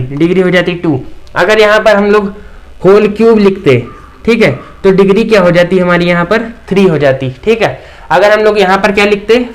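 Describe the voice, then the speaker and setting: A man teaching a maths lecture at a board, asking the class questions and answering them himself, often checking in with "theek". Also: high-pitched.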